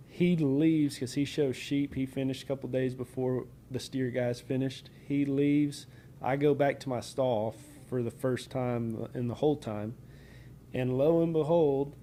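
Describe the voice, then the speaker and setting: Male podcast host, warm mellow tone, easygoing storyteller, background ambience audible. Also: medium pitch. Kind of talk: casual storytelling. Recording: clear background ambient noise.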